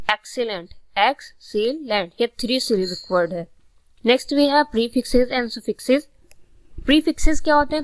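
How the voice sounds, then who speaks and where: Woman, Pakistani accent, teacher, patient explaining, higher pitch, dry recording. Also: dry recording. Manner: patient, repeats words slowly and explains twice. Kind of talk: classroom lesson explaining vocabulary.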